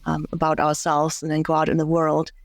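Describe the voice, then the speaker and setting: A woman's voice: low voice, monotone, brisk, no echo. A woman from Germany, a career and life coach, talking reflectively as a podcast guest, with many restarts and fillers.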